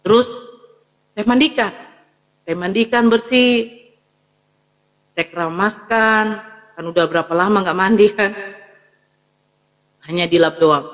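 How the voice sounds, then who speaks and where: A woman's voice: medium pitch, unhurried, long pauses, in a large hall. A woman giving a personal testimony, retelling events vividly and acting out her family's words. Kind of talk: emotional personal storytelling.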